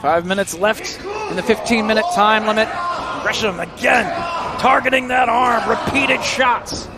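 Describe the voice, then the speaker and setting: A man giving excited live commentary as a wrestling commentator, exclaiming at the action. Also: high voice, unhurried. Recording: loud crowd and arena noise. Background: crowd and ring noise.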